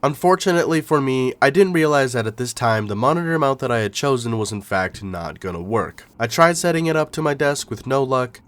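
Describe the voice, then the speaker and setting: A man's voice: mid-range voice, expressive, a little fast, hardly any pauses, fairly bright tone. Young man narrating a voice-over. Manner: reflective, storytelling after the fact. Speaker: vlogger narrating.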